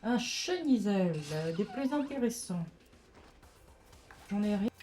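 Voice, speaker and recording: A woman's voice: mid-range voice, lively intonation, takes it slowly, dark tone. A French woman giving casual let's play commentary, chatting to the creatures on screen as she plays.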